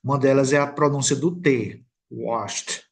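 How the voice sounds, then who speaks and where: Patient Brazilian man teaching English grammar. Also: medium pitch. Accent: Brazilian Portuguese. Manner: slow, patient explaining with frequent "tá bom?" check-ins. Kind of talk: recorded video lesson.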